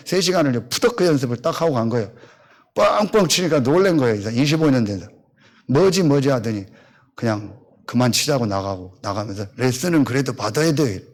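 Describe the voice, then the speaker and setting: A pastor in his fifties tells a personal story during a sermon, animatedly acting out both sides of conversations in blunt, colloquial language. His voice is mid-range and a little fast.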